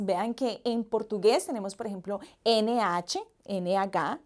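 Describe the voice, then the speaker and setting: A woman teaching a Spanish lesson, explaining points clearly and speaking directly to her viewers. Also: high-pitched, darkish tone. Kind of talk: explaining language lesson to learners.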